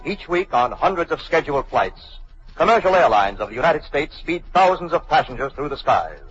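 A man's voice: on the high side, big pitch swings, moderate pace. A man narrating a 1940s radio drama in a dramatic announcer manner, heard as an old radio broadcast. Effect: old radio broadcast sound. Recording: dull lo-fi vintage radio recording with loud music.

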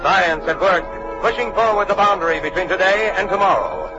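A man's voice: high voice, big pitch swings, brisk. A man narrating a 1940s radio drama in a dramatic announcer manner, heard as an old radio broadcast. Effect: old radio broadcast sound. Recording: dull lo-fi vintage radio recording with loud music.

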